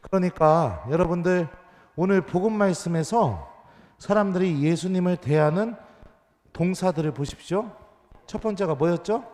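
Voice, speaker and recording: Playful high-voiced priest in a hall. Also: male voice, animated, moderate pace, a little mellow. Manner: playful, counts down and teases the children. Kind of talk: children's mass homily with a quiz game. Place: church. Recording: reverberant church hall.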